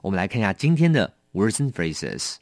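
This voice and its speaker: A man teaching English vocabulary, explaining each word slowly and mixing Chinese with English. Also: on the low side, big pitch swings, darkish tone, dry recording. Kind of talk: bilingual vocabulary lesson.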